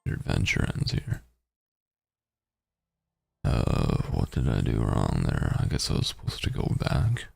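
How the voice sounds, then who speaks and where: A man streaming a game, reading its story text aloud and adding halting, muttered casual commentary. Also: wildly swooping pitch, darkish tone, no echo. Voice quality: very deep, gravelly, husky.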